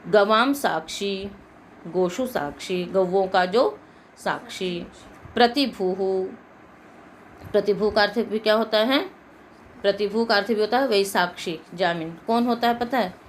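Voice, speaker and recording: A woman's voice: medium pitch, measured pace, a little hiss or hum, rough recording. A woman with a Hindi accent teaching Sanskrit grammar, patiently explaining rules and asking the class questions. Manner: patient, asks the class questions and answers them herself.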